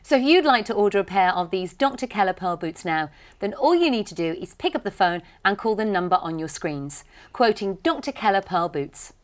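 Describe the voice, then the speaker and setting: British woman doing a tv shopping pitch, upbeat, voice really moves up and down. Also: animated, a little fast. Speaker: shopping channel host. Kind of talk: scripted sales presentation. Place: TV studio lounge set.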